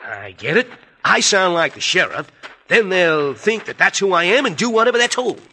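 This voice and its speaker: A man playing a slow-witted Western outlaw henchman who talks in a hesitant, stammering, folksy way. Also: high voice, sing-song, bright, forceful tone, breathy edge, heavily acted. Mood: hesitant, eager.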